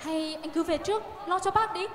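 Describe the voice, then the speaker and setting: Woman playing a polite, firm nurse, fast talk, echoey hall. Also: extremely high pitch, crowd noise. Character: dutiful young female nurse. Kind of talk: amateur stage drama. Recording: reverberant hall.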